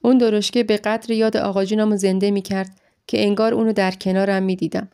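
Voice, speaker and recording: A woman reading a first-person story aloud in a steady, emotional storytelling manner. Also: medium pitch, clean tone. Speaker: audiobook narrator.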